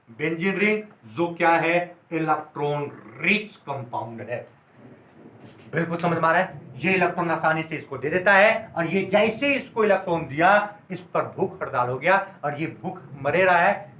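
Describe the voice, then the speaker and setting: A man teaching a chemistry lesson at a whiteboard. He keeps checking that students follow, explains with playful everyday stories, and slows down to dictate notes. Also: on the high side, a bit bright, roomy sound, low-quality recording.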